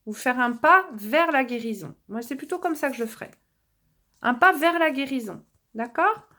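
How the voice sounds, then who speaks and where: A tarot card reader from France offers viewers casual, reassuring guidance, her voice high, pushed, and bright with lively intonation at normal speed. She's losing her voice and fills her talk with fillers and restarts.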